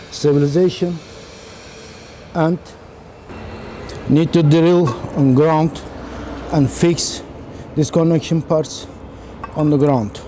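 A man in his thirties on a factory floor, explaining machine installation step by step in halting, simple phrasing. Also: a little high, warm tone, slight background noise. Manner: halting non-native phrasing, slow and step-by-step. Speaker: technician demonstrating machine installation. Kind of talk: instructional walkthrough.

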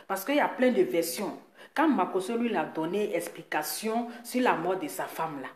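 A woman's voice: medium pitch, expressive, moderate pace. A woman giving a ranting live commentary indoors, scolding and firing off repeated rhetorical questions. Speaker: online commentator. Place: indoors in a residence. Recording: echoey room.

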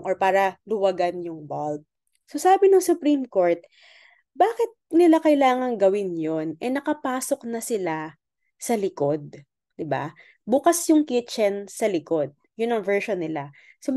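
A woman's voice: mid-range voice, warm tone, no room sound, clean studio sound. A woman explaining a court ruling in a casual lecture style, often checking in with "okay?" and mixing in English. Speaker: law explainer.

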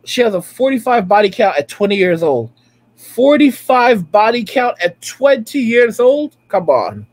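A man's voice: high-pitched, big pitch swings, unhurried, no room sound. A man in his late thirties giving a preachy, repetitive rant as a reaction streamer, reacting to clips from home. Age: late 30s. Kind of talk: ranting commentary over clips.

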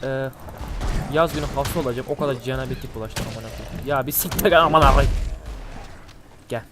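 A man with a nasal, blocked-nose voice, casually commenting on a game he is playing, swearing and breaking into excitable outbursts. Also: mid-range voice, fairly quick, background noise. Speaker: gameplay commentator. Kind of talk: casual let's-play commentary. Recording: gunfire and game music behind.

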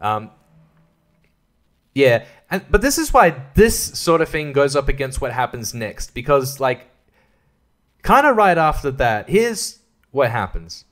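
A man's voice: unhurried, long pauses. Rambling, laughing man reviewing films. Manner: rambling, profane, laughs often, many fillers; animated, jumps high in pitch for emphasis. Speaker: podcast host reviewing films. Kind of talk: casual monologue film review.

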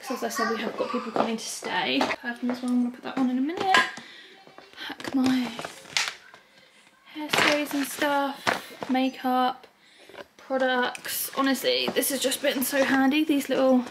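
A young vlogger with a high, bright voice chats cheerfully about her day, slightly lispy from her braces. She speaks at normal speed with frequent pauses, recording on a handheld camera while loud background noise runs underneath.

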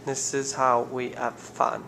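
A man's voice: mid-range voice, monotone, takes it slowly, gravelly, background noise. A young man with an Italian accent, chatting casually and joking through a tired travel vlog. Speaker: vlogger.

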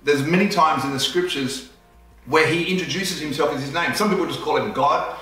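Guy pastor preaching, bright tone, big echo, kinda far from the mic. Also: on the high side, fairly quick. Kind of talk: sermon. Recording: echoey room, voice from far off.

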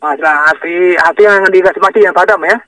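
A man's voice: sits high, fast, bright, forceful tone, distant mic. A man on a phone call giving repetitive, insistent instructions and often checking that he is understood. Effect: heard over the phone. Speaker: phone scam caller.

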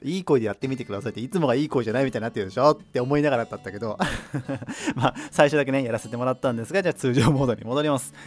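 A man's voice: medium pitch, rapid-fire. A man hosting a casual solo talk radio show, chatty and laughing at himself.

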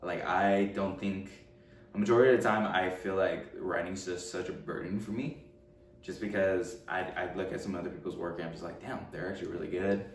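Seated at home, a twenty-something documentary interviewee from Richmond, California, gives halting answers full of fillers and restarts. He speaks briskly in a deep voice with fairly even intonation. The sound comes from a distant camera mic, echoey and roomy, with a faint hum underneath.

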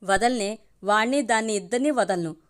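A woman voicing a proud, hot-tempered middle-aged village patriarch who shouts commands. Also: mid-range voice, normal speed, clear, resonant tone, lightly acted. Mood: furious.

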